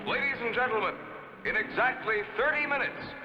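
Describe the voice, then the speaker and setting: An actor voicing a male race announcer in a dubbed cartoon, announcing in drawn-out phrases. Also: very high voice, muffled recording. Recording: echoey old cartoon dub audio with crowd noise.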